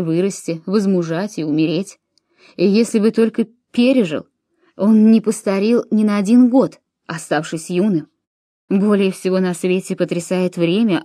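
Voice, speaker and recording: A woman voicing an aging, weary Roman commander in an audiobook, speaking in a low, grave and reflective way. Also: dark tone, no echo, studio quality, lightly acted.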